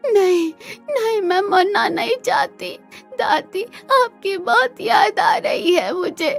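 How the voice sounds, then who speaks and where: A woman's voice: extremely high pitch, takes it slowly, creaky, soft background music, voice pushed up, full character voice. A woman voicing a frightened young female goat in a cartoon, pleading and crying. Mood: pleading, tearful. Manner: pleading, tearful. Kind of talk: cartoon voice acting.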